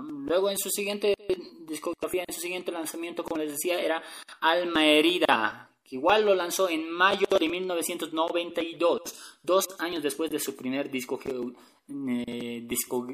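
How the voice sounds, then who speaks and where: A man's voice: on the high side, moderate pace, a bit bright, far from the mic, rough recording. A man hosting a casual music talk for viewers, chatty and hesitant, often checking in with his listeners. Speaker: music channel host.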